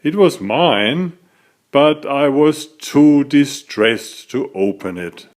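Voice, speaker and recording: A children's book author reads a storybook aloud in expressive scripted narration, deliberate and dramatic. He speaks slowly in a mid-range voice that is very animated.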